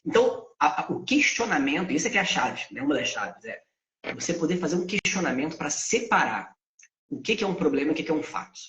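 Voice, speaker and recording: A man teaching Vedanta ideas, who poses questions to himself and answers them in a lively spoken lesson. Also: a little high, fast. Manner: asks and answers his own questions. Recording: echoey, dull lo-fi sound.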